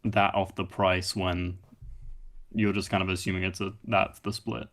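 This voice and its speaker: A man in casual gaming chat, explaining his reasoning in a measured way. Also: deep voice, little pitch movement.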